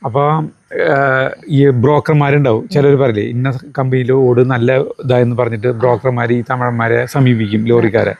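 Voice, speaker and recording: A man's voice: mid-range voice, steady tone, brisk, a little mellow, highs cut off. Man telling a rambling local story. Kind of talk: casual storytelling.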